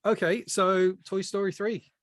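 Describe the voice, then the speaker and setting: A friendly man hosting a podcast and laying out the rules in an orderly way. His voice is slightly high for a man. The sound is dry and close. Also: steady tone, a little slow, no room sound. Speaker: podcast host.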